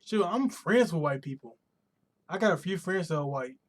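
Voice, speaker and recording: Fairly high-pitched and animated, an American man talks at normal speed while chatting casually on a live stream from his home room in the United States. He rambles, often restarting and rephrasing, and his voice sounds slightly worn because of a pollen allergy.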